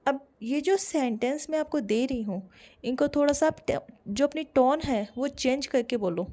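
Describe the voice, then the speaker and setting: A young woman with an Indian accent teaching English grammar online, explaining slowly and repeating each example sentence. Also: sits high, mellow.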